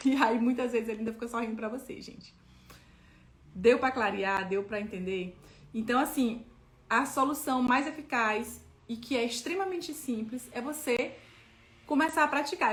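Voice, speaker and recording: A woman's voice: a little high, reverberant. A woman explaining parenting tips in a conversational way, often checking in with tag questions. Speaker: parenting educator.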